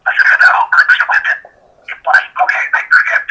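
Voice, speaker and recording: Performer doing a woman caller, phone held away from mouth, faint and distant, hushed half-whisper, very bright thin tone. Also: quick pace. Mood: flustered. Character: anxious woman caller phoning a radio show. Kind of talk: comedic call-in bit.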